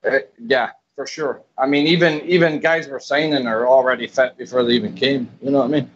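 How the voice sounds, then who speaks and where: A Canadian man with a Scottish twang calling in over the phone, talking in a relaxed, easygoing way. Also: mid-range voice, a little fast, husky. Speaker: caller. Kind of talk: casual call-in chat. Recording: muffled phone line with noise.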